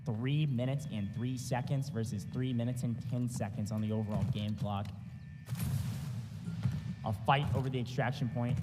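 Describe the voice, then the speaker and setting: A man working as an esports caster, giving excited, dramatic live play-by-play in emphatic, punchy phrases. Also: mid-range voice, normal speed. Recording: long hall reverb, music underneath. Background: music.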